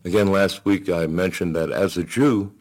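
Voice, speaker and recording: Deep-voiced man preaching a sermon. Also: steady tone, normal speed, a little mellow. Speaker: pastor.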